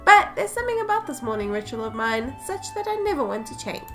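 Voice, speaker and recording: A woman voicing a lazy, gruff male cowboy detective, reading his lines with a low drawl. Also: sing-song, quick pace, soft background music.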